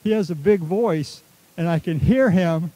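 A man's voice: high voice, measured pace, mellow, no room sound, poor audio. A man from Texas giving a rambling, chuckling speech at an outdoor stadium ceremony. He tells stories about himself through a stadium microphone. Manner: rambling, chuckling, self-deprecating storyteller. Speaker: athletics director.

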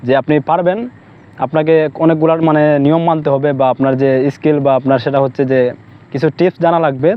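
A man gives casual vlog advice at a quick clip, circling back and restarting his sentences often. His voice sits a little high, and the lo-fi recording sounds dull and muffled. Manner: rambling, repeats himself, many restarts. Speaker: vlogger.

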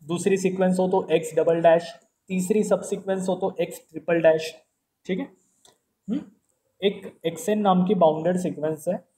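A man giving a math lecture, explaining step by step and asking and answering his own questions. He states each theorem slowly and deliberately. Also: high-pitched, fairly even intonation, mellow, a little hiss or hum. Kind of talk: classroom math lecture, Hindi mixed with English.

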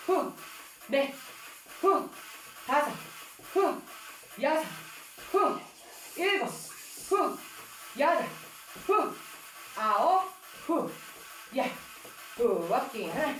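A woman's voice: high voice, fairly bright tone. A woman leading a workout as an instructor, counting reps aloud in short, clipped commands and exhaling audibly between counts. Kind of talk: workout coaching with rep counting. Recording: roomy echo with music behind. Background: music.

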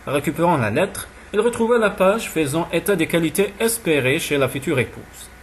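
A man narrating a romance novel in an audiobook, with smooth, even storytelling. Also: a little high, normal speed, a little hiss or hum.

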